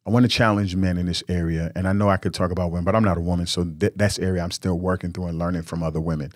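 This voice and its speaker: Earnest low-voiced man giving marriage advice. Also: fairly even intonation, very fast, no room sound, clean studio sound. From New York. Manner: earnest, preachy and candid, with repeated emphatic words. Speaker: podcast host.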